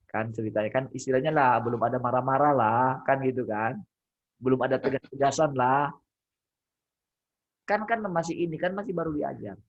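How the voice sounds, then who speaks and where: A man leads a Bible study over a video call, teaching in a loose conversational way, pausing to hunt for words and throwing questions back at his listeners. His voice sits at a middling pitch, and the call audio is dull and lo-fi. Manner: conversational, asks the group questions, gropes for words.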